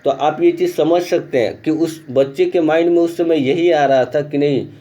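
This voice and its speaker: A man's voice: on the high side, steady tone, mellow. A male teacher reads a textbook chapter aloud. He then explains it in a chatty way and keeps checking in with the class. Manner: reads English text slowly, then explains it in chatty Hindi with repeated check-ins.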